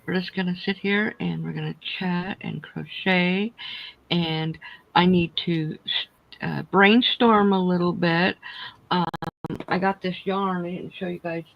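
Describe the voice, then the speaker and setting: A woman's voice: lowish voice, steady tone, slow pace, gravelly, muffled recording. A woman hosting a casual crochet livestream, chatting in a rambling way, speaking without her teeth in. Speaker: host of a crochet chat livestream.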